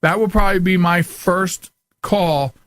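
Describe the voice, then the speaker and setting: A middle-aged talk show host delivers a casual, digressive monologue, often cutting himself off to wander into asides. His voice is high, fairly even, a little slow and fairly bright, captured in a dry recording.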